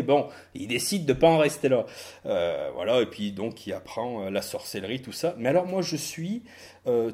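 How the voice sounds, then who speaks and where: A man hosting a casual podcast chat, animated and self-mocking, swearing freely. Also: fairly low pitch. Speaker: podcast host.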